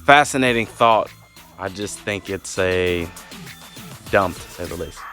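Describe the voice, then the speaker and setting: A male sports radio co-host, laid-back and agreeable. He has a low voice with soft music in the background. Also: measured pace. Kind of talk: casual sports radio chat.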